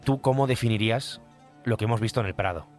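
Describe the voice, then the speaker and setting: A man's voice: lowish voice, fast talker, a little mellow, faint music behind. A male interviewer in a clip, asking leading questions.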